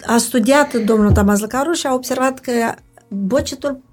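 Older female folk singer, husky voice, earnest explainer. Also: high-pitched, darkish tone, soft background music. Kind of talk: interview conversation.

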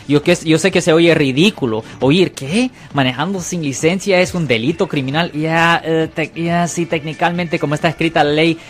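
Patient male lawyer on a call-in radio show. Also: on the high side. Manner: explains plainly and patiently, says Ok often. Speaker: radio host, lawyer answering callers. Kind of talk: call-in legal advice show.

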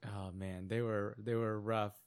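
A man's voice: lowish voice, little pitch movement, measured pace, smooth. A man casually recapping anime episodes as a podcast co-host, telling it loosely with lots of "like" and fillers. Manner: casual storytelling with many fillers and playful quoted voices.

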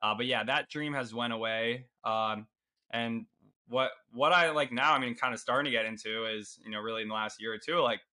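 A man who is a guest on a podcast, answering casually and haltingly, with many "uh"s and restarts. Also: medium pitch, bright, forceful tone. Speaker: podcast guest, rental investor.

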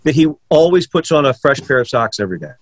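A man casually chatting and recalling his time on a comedy show, with quick asides. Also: mid-range voice, sing-song, dry recording. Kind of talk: casual reminiscing chat.

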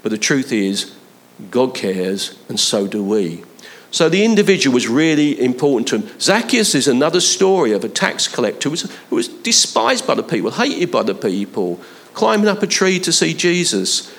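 A man's voice: mid-range voice, very animated, moderate pace, a bit bright. A man preaching a conversational sermon, building to emphatic appeals to his listeners. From London, England.

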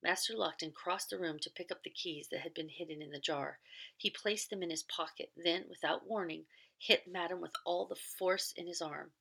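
Gravelly, bright-voiced woman narrator. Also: lowish voice, steady tone, normal speed. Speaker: audiobook reader. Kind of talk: scripted narration.

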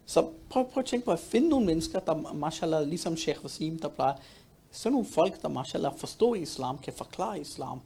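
A man speaking at a youth talk, emphatic and animated, often repeating words to drive a point home. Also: on the high side, creaky, husky. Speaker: panel speaker.

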